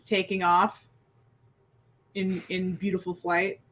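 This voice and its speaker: Slow, halting woman gamer. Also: on the low side, level tone, fairly bright tone. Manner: hesitant, halting, with many fillers. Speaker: player. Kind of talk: tabletop role-play chat.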